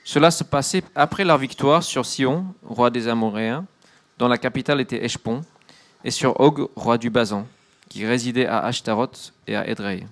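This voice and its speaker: Man, church interpreter, fluent, quick, scripture reading. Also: medium pitch. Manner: quick, fluent rendering with brief fillers. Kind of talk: live sermon interpretation.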